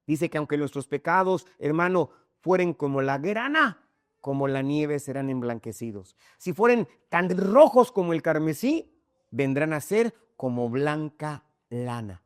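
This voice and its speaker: A man's voice: fairly high pitch, very animated, measured pace, no room sound, clean studio sound. A male pastor preaching an emphatic sermon, speaking straight to his congregation and often addressing them as brother. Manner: emphatic preaching, often calls listeners "hermano".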